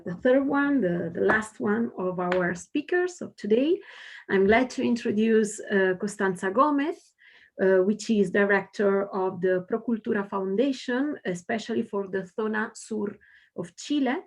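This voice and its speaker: A woman's voice: mid-range voice, a little hiss or hum. Polite woman moderating over a video call. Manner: polite, hesitant with fillers. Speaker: seminar moderator. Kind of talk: moderating an online seminar.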